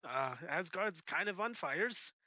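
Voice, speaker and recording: A man's voice: high voice, lively intonation, unhurried, sharp tone, no echo, muffled recording, exaggerated voice. A man playing a winded, stumbling Viking warrior. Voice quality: broken, ungrammatical phrasing. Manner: hesitant, full of uhs. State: out of breath. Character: winded Viking warrior bandmate, clumsy grammar. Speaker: caller on the phone.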